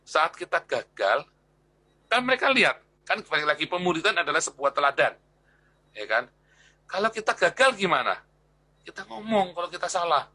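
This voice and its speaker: Bright-voiced man teaching a church class. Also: a little high, expressive, fairly quick, no room sound. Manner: chatty, repeats phrases, tags lines with "ya" and "kan". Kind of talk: informal class teaching on the Bible.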